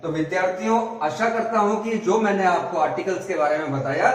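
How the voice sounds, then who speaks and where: A man's voice: high-pitched, a little fast. A male teacher giving a grammar lesson, patiently spelling words out letter by letter. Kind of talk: classroom lesson explaining grammar. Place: classroom or school room. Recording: echoey room, voice from far off.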